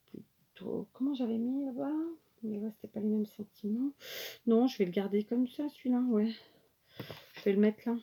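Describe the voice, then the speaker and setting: A woman's voice: mid-range voice, fairly even intonation, brisk, pauses often, husky, dull audio. A woman talking viewers through a handmade card step by step, chatty, often correcting herself and checking in with them. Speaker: craft tutorial host. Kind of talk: casual craft tutorial.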